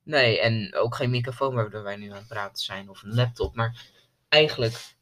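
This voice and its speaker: A man's voice: on the low side, normal speed, noisy background. A young man in a loose, slangy casual chat as podcast co-host, often repeating himself.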